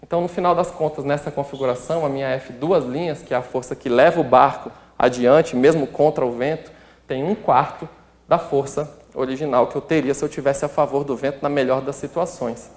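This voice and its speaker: A man with a Brazilian Portuguese accent teaches calculus step by step, working through sums as he writes them out and checking in with the listener often. His mid-range voice is a little mellow, with fairly even intonation and a fairly quick pace. The recording has a roomy echo.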